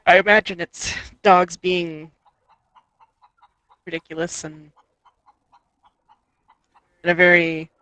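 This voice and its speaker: A woman's voice: lowish voice, fairly even intonation, slow pace, long pauses, bright, forceful tone, clean tone, no room sound. Joking, swearing woman gaming on stream. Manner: rambling, profane, joking. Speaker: gamer on a stream. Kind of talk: casual chat while gaming.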